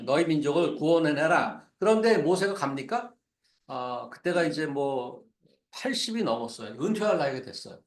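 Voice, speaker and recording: Lively, high-voiced man preaching in an echoey church. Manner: conversational, questions the congregation; mixes English words into his talk. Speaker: pastor. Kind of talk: sermon.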